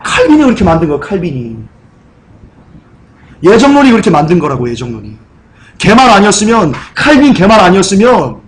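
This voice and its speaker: A man preaching a sermon in a church, asking the congregation questions and rising into high, pleading cries. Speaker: pastor. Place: church sanctuary.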